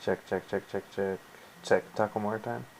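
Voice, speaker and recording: A man with a low voice and plenty of vocal fry hosts a casual live stream. He talks informally, with faint noise on the recording. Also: steady tone, normal speed, darkish tone. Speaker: freelance illustrator hosting a live stream. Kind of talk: casual chat.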